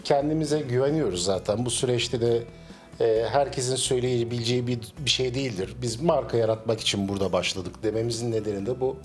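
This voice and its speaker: A middle-aged man who owns a cafe gives a business interview inside his small cafe, speaking into a handheld interviewer mic. His steady, mid-pitched voice is measured, with frequent hesitation fillers, and faint music plays behind him.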